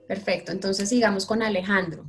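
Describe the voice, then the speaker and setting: A woman moderates an online question session, brisk and courteous. She calls on each participant in turn over a video call. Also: medium pitch, fairly even intonation. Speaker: webinar moderator.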